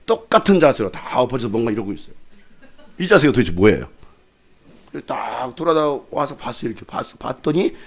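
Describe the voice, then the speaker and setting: Preaching in a church sanctuary, a male pastor brings his stories to life by acting out and shouting through the scenes he recounts. His mid-range voice moves fairly quickly, and the audio sounds dull.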